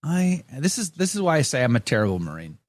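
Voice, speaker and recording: A man's voice: mid-range voice, very animated, fast talker, no room sound. A man hosting a radio show, chatting casually, reading out listener comments and joking at his own expense, with lots of restarts. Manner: rambling, self-deprecating, frequent restarts and fillers.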